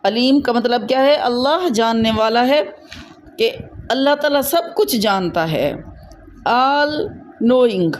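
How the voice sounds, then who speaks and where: A woman's voice: on the high side, lively intonation. A woman with a Pakistani Urdu accent teaching a Quran recitation lesson to a student, patiently explaining and checking that she understands.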